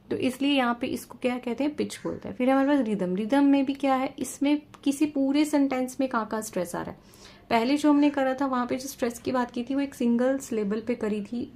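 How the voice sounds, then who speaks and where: A woman teacher explaining a lesson step by step, checking in often and reading out definitions slowly. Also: fairly high pitch, a little mellow. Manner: reads English definitions slowly and carefully. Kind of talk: exam-prep lesson.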